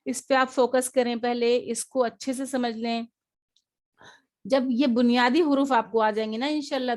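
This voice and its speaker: Patient woman teaching letter sounds, higher voice. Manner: patient, repeats each sound slowly for learners. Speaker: Quran reading teacher. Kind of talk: online recitation lesson.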